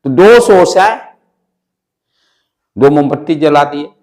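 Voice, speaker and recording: This physics teacher speaks slowly but with lively intonation, his loud voice sitting on the high side. He has an Indian accent and lectures by asking questions, repeating key phrases and mixing in English.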